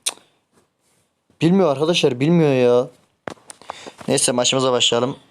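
A man giving casual, excitable commentary as he plays a mobile game, grumbling and cursing at his teammates. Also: medium pitch, a little slow, slight background noise. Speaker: gameplay streamer.

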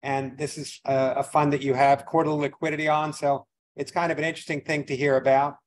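The host of a financial seminar, a financial advisor, talks briskly in a slightly high voice with little pitch movement. Addressing a live audience at an event venue, his casual opening remarks ramble a little, turn self-deprecating, and are heavy with fillers; the audio is poor.

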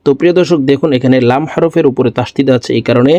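A man teaching Quran recitation, spelling out syllables slowly and explaining pronunciation rules to viewers. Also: medium pitch, mellow, dry recording. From Bangladesh. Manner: slow melodic chanted recitation.

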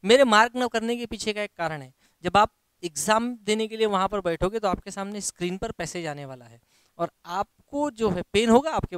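A man teaching English for an exam, with an Indian accent, reading English sentences slowly, then explaining them in Hindi and asking rhetorical questions. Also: high-pitched, clean tone, no echo. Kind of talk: classroom lecture.

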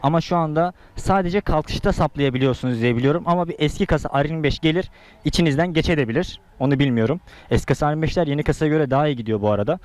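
A man's voice: on the high side, racing, darkish tone, no echo. A young man chatting casually as a motorcycle vlogger, slangy and teasing, talking from inside a helmet. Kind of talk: casual motovlog chat and commentary.

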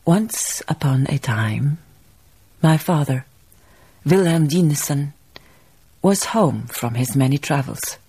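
In a radio drama, an actress voices a reflective, melancholy Danish baroness narrating her life in a slow, musing, literary way, with a wistful mood. Her full character voice is deep, husky, breathy, and dark in tone, yet animated.

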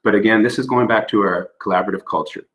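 A man's voice: on the low side, fast, a bit bright, poor audio. A middle-aged man presenting at a remote school board meeting over a video call, explaining at length with frequent fillers and restarts. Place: indoor room on a video call.

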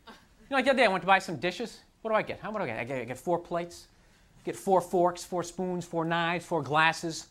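A man's voice: expressive, a little fast. Exasperated young man doing stand-up. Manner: exasperated, self-mocking, jumps into high mocking voices. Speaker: stand-up comedian. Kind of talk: stand-up routine. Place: TV studio stage with live audience. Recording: noisy, with loud audience laughter.

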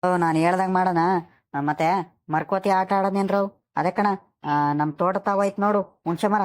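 Low, flat-toned village boy voiced by a woman, cartoon. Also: normal speed, natural voice. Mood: coaxing. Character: easygoing village boy who suggests games. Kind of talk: cartoon voice acting.

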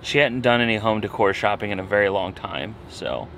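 Low-voiced man joking in a family vlog. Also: a little fast, noisy background. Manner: joking, dry sarcasm. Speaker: vlogger father. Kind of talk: casual family vlog chat.

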